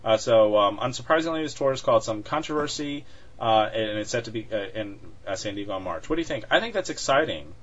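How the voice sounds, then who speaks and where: A man's voice: fairly low pitch, lively intonation, fast talker. Chatty male podcast host, lo-fi sound. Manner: chatty, many fillers and restarts, laughs often. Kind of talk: casual chat. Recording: dull lo-fi sound.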